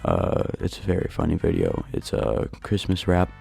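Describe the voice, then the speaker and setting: A young man telling a casual storytime, keeping his voice down in a dark room at night. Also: rumbling low, sing-song, normal speed, creaky, faint music behind. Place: dark bedroom at home. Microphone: new home mic.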